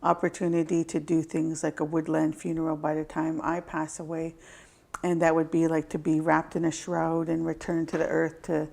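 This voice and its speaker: Low, mellow woman speaking thoughtfully. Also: monotone, creaky. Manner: thoughtful, gentle, pausing to find words. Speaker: guest. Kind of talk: reflective interview answers.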